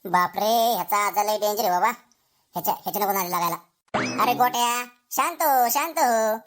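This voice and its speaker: A woman voicing a tired male schoolteacher who grumbles and pleads for calm. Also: mid-range voice, normal speed, voice pushed down, natural voice. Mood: weary. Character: weary male schoolteacher running a class vote.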